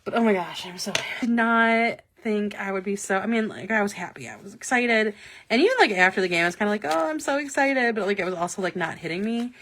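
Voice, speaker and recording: A woman hosting a casual live stream, talking excitedly and laughing often, with lots of "like" fillers. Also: medium pitch, fast talker, slight background noise. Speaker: planner stencil shop host. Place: office. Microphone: live-stream webcam mic.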